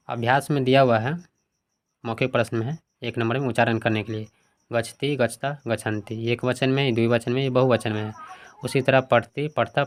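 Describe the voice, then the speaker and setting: A man teaching a textbook lesson who puts each question to his students and then answers it himself, reading word forms out one by one. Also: mid-range voice.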